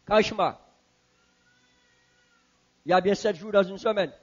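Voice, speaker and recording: A man teaching a Bible class in a church, asking the audience questions and repeating answers slowly. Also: sits high, muffled recording.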